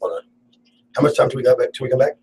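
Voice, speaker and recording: A man's voice: mid-range voice, lively intonation, rapid-fire, darkish tone, slight background noise, rough recording. A man hosting a radio talk show, rambling and laughing often through casual on-air banter in the studio. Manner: rambling, laughs a lot, playful.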